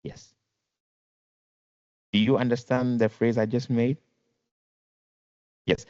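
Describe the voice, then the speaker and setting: A man's voice: medium pitch, level tone, takes it slowly, darkish tone, clean tone, no room sound. A man teaching a music lesson online, patient, repeating and rephrasing, counting notes aloud. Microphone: video call. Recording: dull lo-fi video call audio.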